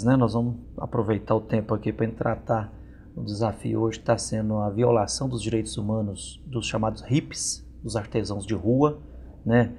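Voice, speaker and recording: A man from Minas Gerais with a Brazilian accent hosting a community TV interview, speaking slowly with many pauses and fillers. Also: on the low side, gravelly, a little mellow, a little hiss or hum. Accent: Brazilian Portuguese, Minas Gerais. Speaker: TV program host and interviewer.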